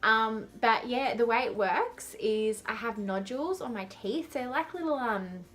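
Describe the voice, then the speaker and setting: A woman's voice: a little high, unhurried, a bit bright, faint music behind. A young adult woman chatting casually and informally to camera, with a lisp and whistling s sounds from dental aligners, rambling in a self-deprecating way. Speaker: vlogger.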